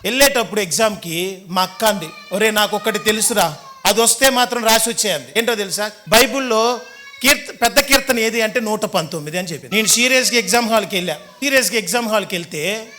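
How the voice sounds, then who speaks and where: Fast, bright-voiced pastor telling his story. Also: sits high. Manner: animated storytelling, acting out quoted voices. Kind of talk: sermon testimony.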